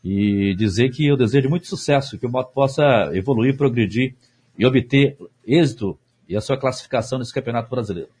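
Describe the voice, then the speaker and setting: A Brazilian man with a husky voice hosting a casual sports interview. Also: medium pitch, fairly quick, darkish tone. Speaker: sports show host.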